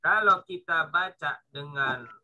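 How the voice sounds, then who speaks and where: An Indonesian man teaches Quran recitation in a bright, ringing voice pitched a little high. He speaks slowly and patiently, stretching out each syllable of the verses he models. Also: highs cut off, a little hiss or hum. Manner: slow, patient, drawn-out demonstrations of recitation. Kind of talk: online tajwid lesson.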